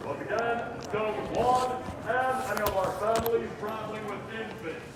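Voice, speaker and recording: A man working as a gate agent announces boarding over an airport intercom, in a brisk, instructive way. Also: high-pitched, fairly even intonation, background noise. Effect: gate boarding announcement over terminal intercom. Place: large indoor airport terminal. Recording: echoey distant terminal loudspeaker. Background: crowd of travelers.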